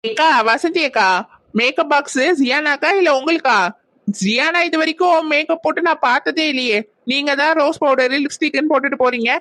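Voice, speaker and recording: A woman voicing a mocking sharp-tongued village woman. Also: high voice, a little fast, dry recording. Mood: teasing. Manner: mocking, teasing.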